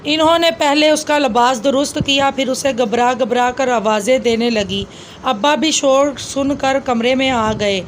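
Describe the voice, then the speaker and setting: A woman storyteller narrating a scripted story in a steady, dramatic way. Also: high voice, moderate pace, a little hiss or hum.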